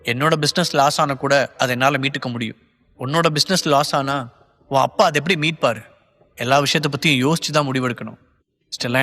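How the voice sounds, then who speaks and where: A man's voice: mid-range voice, sharp tone, in a large hall. A man playing an earnest, pleading young lover. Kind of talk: audiobook character voicing.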